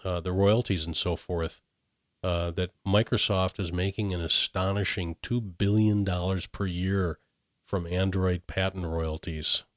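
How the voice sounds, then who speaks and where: A man chats through tech news as a podcast host, full of fillers and restarts. His voice sits very low. The sound is dry and close. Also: steady tone, unhurried, no room sound. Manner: chatty, many fillers and restarts. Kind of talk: casual tech chat.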